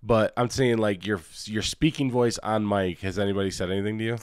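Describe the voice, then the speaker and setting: A man's voice: lowish voice, steady tone, brisk, clear, resonant tone, no echo, clean studio sound. A man hosting a casual podcast chat, with a stuffy nasal cold and a rambling, filler-heavy way of talking. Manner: rambling, many likes and ums, laughs often. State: has a cold, nasal and deeper than normal. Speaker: podcast co-host.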